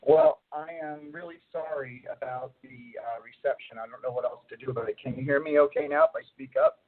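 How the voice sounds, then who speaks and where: Middle-aged guy on a tinny phone line that sounds like a long tube, husky, rambly with lots of ums. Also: medium pitch. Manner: rambling, unhurried explaining with many fillers. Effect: muffled distant phone line, as if talking through a long tube. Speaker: radio co-host and astrologer. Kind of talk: phone-in radio talk.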